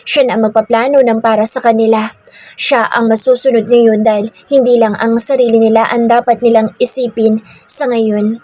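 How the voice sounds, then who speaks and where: A woman reading a romance story aloud in an even, steady narration. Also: fairly high pitch, no echo.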